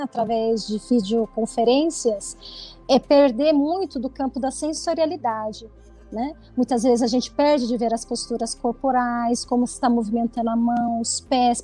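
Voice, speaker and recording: A woman's voice: high voice, dark tone, rough recording. A woman psychoanalyst reflecting thoughtfully in an interview over a video call, often adding tag questions.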